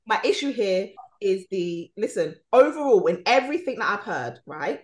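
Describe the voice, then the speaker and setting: A woman's voice: medium pitch, lively intonation, moderate pace, crowd noise. A woman in a casual panel debate, questioning and challenging the others. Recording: roomy, echoing sound.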